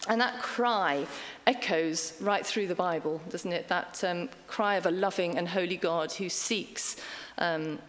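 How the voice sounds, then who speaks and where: A middle-aged woman giving a conversational sermon, chatty and self-deprecating with frequent ums and asides. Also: fairly low pitch. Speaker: preacher. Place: church hall. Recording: long hall reverb.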